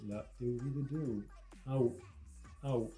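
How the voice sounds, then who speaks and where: Casual trader, male, mellow tone, in a roomy echoey room. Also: mid-range voice, moderate pace, faint music behind. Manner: chatty, jokes and talks to himself. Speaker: crypto trader. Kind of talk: casual trading chart walkthrough.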